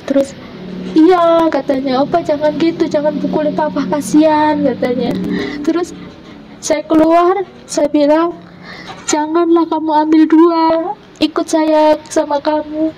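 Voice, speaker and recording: A woman's voice: steady tone, a little slow, pauses often, distant mic, soft background music, poor audio. A woman recounting an emotional personal testimony, voicing family members' words as she goes. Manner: quotes family members in her own voice, rising high when moved. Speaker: guest telling her conversion story.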